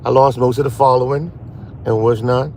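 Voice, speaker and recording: A man hosting a casual phone livestream while driving at night, rambling and halting as he talks to his chat. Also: mid-range voice, steady tone, darkish tone, slight background noise. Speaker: live stream host. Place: in a car at night.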